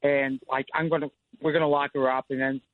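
A man's voice: mid-range voice, level tone, fairly quick, no room sound. A man in his fifties, a radio show caller on a phone line, telling a long personal story with many "you know" and "like" fillers. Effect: phone line call-in to a radio show. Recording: tinny dry phone line.

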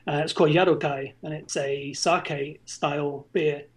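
A man talks as a guest on a casual podcast. His pitch is somewhat high for a man, and his delivery is droll and understated, in an informal conversational style. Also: steady tone, a little slow. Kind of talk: casual chat.

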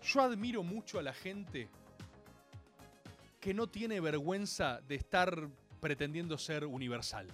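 A man with an Argentine accent giving a passionate monologue that builds to shouting, full of slang. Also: fairly high pitch, expressive, a little slow, long pauses, soft background music. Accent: Argentine Spanish. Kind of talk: passionate comic-book monologue.

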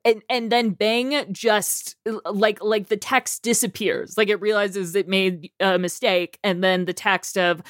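A woman's voice: medium pitch, steady tone, a little slow, few pauses, no room sound, studio quality. A woman co-hosting a casual tech podcast, stammering and laughing as she reads out a chat transcript. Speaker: co-host.

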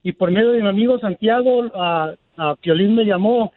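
Man, nervous caller, very high voice, muffled lo-fi line. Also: normal speed. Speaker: caller, listener selling ceviche. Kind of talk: grateful phone call to radio show.

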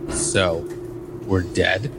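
A man's voice: sits low, fairly even intonation, drawn-out words, gravelly, heavy background noise, full character voice. A man playing the questioning ghost of a dead man in an audio drama. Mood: wary.

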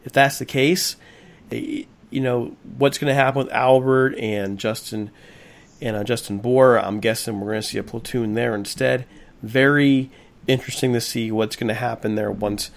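A man's voice: medium pitch, fairly even intonation, moderate pace, creaky. A man hosting a sports talk radio show, speaking directly and addressing his listeners as folks.

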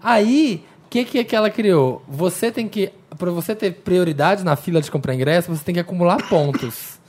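A woman's voice: on the low side, expressive, normal speed, darkish tone. A woman co-hosting a casual podcast chat, talking freely and swearing now and then. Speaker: podcast co-host.

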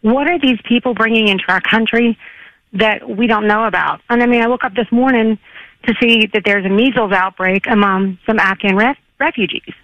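A woman calling in to a talk radio show over a phone line, asking worried, rapid questions in casual chat. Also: on the high side, no room sound. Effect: heard over a phone line. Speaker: radio call-in caller.

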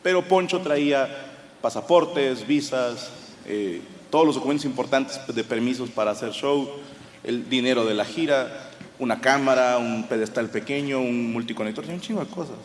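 A Mexican man with a Mexican Spanish accent performing a live stand-up monologue, telling his story in an animated, profane style. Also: mid-range voice, moderate pace. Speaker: stand-up comedian. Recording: live venue with long reverb and audience noise.

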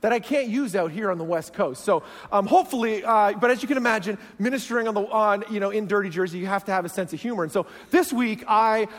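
Speaking fast with hardly any pauses, this high-voiced man preaches a funny, self-deprecating sermon as a visiting pastor. He has a Canadian accent, and the large sanctuary adds long hall reverb.

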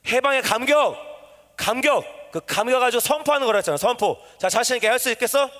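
High-voiced preacher in a reverberant hall. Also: male voice, very fast. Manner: animated call-and-response, coaxing and quizzing listeners. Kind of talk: interactive sermon with youth. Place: church hall. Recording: long reverb of a church hall.

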